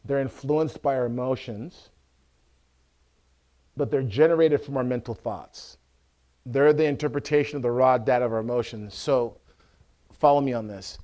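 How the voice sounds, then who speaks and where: Male priest, mid pitch, conversational teaching talk, keeps asking if you follow, bursts into acted-out shouting. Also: normal speed, pauses often. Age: adult with a school-age son. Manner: checks in with listeners, acts out scenes loudly. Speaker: Orthodox priest giving a talk.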